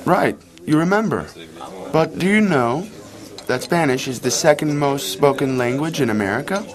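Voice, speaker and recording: A friendly young man, played by a male actor in a scripted language-lesson dialogue. His voice sits a bit high and he speaks slowly and clearly. Every word is carefully pronounced for learners. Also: expressive, crowd noise, close to an everyday voice. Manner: clear, slow, carefully spoken.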